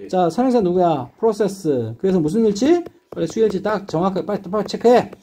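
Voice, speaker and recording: A man's voice: sits high, fairly quick, slight background noise. A man teaching an English class, lecturing students and constantly checking that they follow. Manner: lively, rising and dipping emphasis.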